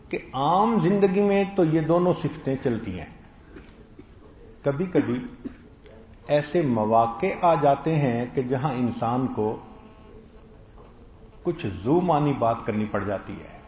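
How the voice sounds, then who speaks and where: A man's voice: mid-range voice, expressive, long pauses, darkish tone. Man preaching in an echoey room. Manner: storytelling, acting out quoted lines. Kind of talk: sermon. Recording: echoey, dull lo-fi sound.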